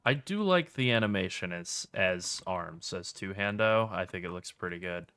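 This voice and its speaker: A man streaming a video game, chatting casually with dry, relaxed jokes. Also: low voice, moderate pace, smooth, no echo. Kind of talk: casual gameplay commentary.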